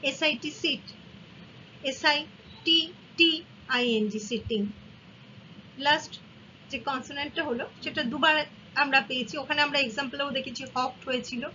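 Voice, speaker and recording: A woman's voice: high-pitched, normal speed, long pauses, pushed and bright. A woman teaching English grammar, patiently explaining spelling rules and spelling words out letter by letter, with a slightly dull, faintly hissy recording. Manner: patient, repeats and spells out each example.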